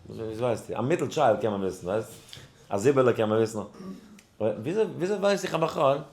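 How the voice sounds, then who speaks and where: A rabbi giving a Torah class, telling a story and acting out its dialogue, halting with many restarts and mixing in English words. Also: male voice, roomy sound. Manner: animated, acts out dialogue in the story with sudden high pitch jumps; mixes English words into Yiddish speech.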